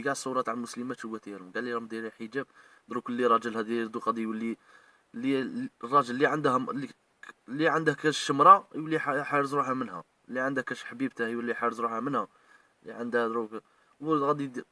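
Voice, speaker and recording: A man's voice: medium pitch, pushed and bright, no echo, distant mic. A man with an Algerian Arabic accent, scolding and ranting emotionally in a video as he speaks straight at the people he means. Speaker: online commentator. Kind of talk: heated video rant.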